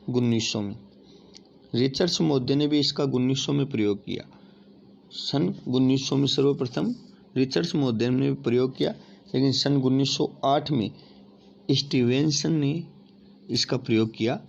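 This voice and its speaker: A man's voice: medium pitch, normal speed, gravelly, a little mellow. A man teaching an exam-prep lesson, addressing listeners as friends and asking and answering his own questions. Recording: dull lo-fi audio with faint noise.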